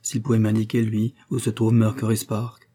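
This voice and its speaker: A man's voice: fairly low pitch, completely flat delivery, normal speed, dark tone, lightly acted. A man voicing a brooding young French inventor in an audiobook, musing to himself. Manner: brooding inner monologue.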